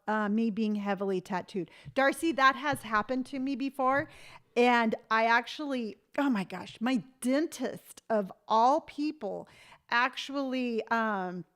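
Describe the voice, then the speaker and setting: Woman, late 50s, live-stream host; slightly high, emphatic and animated, close phone mic. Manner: emphatic, animated storytelling, reads viewer comments aloud. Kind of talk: casual live-stream chat.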